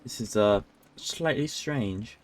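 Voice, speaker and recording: Speaking slowly in a lowish voice, this streamer rambles casually over his live gameplay, thinking aloud as he goes.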